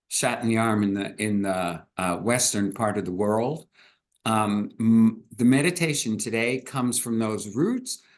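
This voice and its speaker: A man with a fairly low voice speaks as a clinician guest on a webinar. He explains things in an easygoing way, sometimes restarting mid-phrase. He is heard over a video call. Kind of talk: casual explanation.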